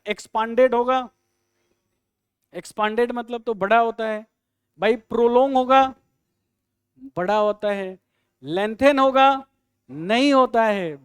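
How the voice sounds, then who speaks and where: Male English tutor, high and crisp, quizzes the class with jokes. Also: dry recording, studio quality. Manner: quizzing students with quick questions and jokes. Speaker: English teacher. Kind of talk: live online exam-prep lesson.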